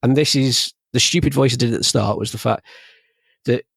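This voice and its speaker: A man's voice: mid-range voice, a little fast, creaky, a bit bright, slightly rough, dry recording, studio quality. Joking man hosting a podcast. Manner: joking, chatty storytelling with anecdotes. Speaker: podcast host. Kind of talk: casual interview chat.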